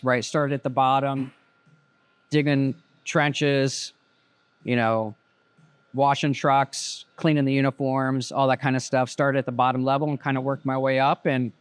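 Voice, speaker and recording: A man's voice: mid-range voice, clear, resonant tone, no echo. A man in his fifties, a business owner interviewed as a guest, telling his story in a plainspoken, reflective way. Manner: plainspoken, reflective, many "you know" fillers. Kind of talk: casual interview.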